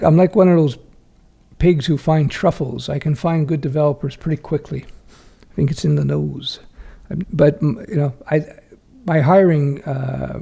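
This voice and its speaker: A middle-aged man hosts a casual livestream Q&A, reading viewer questions aloud and answering frankly. His voice is fairly high with vocal fry and a dark tone. He's chatty, with lots of fillers, restarts and self-corrections.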